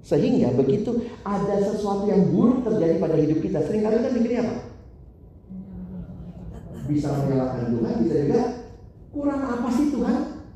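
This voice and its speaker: A male preacher delivers a sermon with a lively, swooping pitch, often tossing questions to his listeners. His voice sits a little high and booms through a very echoey church hall. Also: a little fast, pauses often, slight background noise. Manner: animated, storytelling, asks the audience questions.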